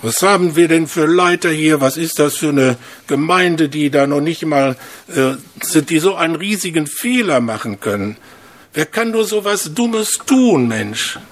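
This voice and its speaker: A man preaching a sermon, telling stories with lively rhetorical questions. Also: fairly high pitch, moderate pace.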